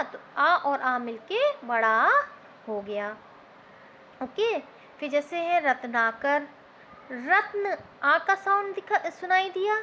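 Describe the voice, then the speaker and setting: Lady teacher, high voice, explains step by step, asks then answers herself, kinda dull lo-fi audio. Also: bright, forceful tone. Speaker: Hindi teacher. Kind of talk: classroom grammar lesson. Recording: slightly dull lo-fi recording with faint noise.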